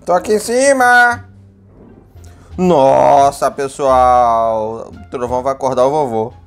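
A man with a Brazilian accent giving casual, playful gameplay commentary alongside a child, excitable and given to high-pitched whoops. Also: slow pace, clear, resonant tone. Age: adult. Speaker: gaming video host playing alongside a child. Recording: music behind the voice.

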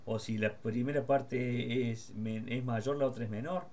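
A man with an Argentine Spanish accent, teaching guitar in a casual one-on-one lesson, explaining rhythm with quick rhetorical questions. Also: mid-range voice, fairly even intonation, darkish tone. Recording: guitar playing in the background.

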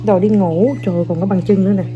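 A woman's voice: medium pitch, steady tone, fast, muffled recording, music in the background. A young mother, filming her kids and coaxing them, talking to viewers in a casual, playful way. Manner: coaxing, playful, repeats short commands to children.

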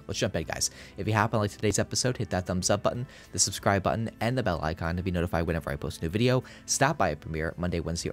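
A man casually commenting on his game playthrough, rambling with lots of fillers and restarts in a groggy morning voice. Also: low-pitched. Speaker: let's play host.

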